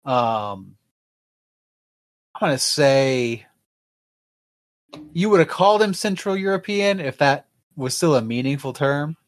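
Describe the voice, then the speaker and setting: A man's voice: on the high side, expressive, takes it slowly, long pauses. A man narrating as game master in a tabletop game, rambling and wry, with many fillers.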